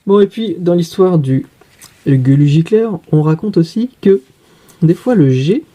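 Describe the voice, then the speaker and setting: A man with a very dark, husky voice gives a reading lesson for young children. He speaks slowly and patiently, explaining each card and stopping to ask what it says. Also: fairly high pitch. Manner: slow, patient, questioning explanations. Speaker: teacher.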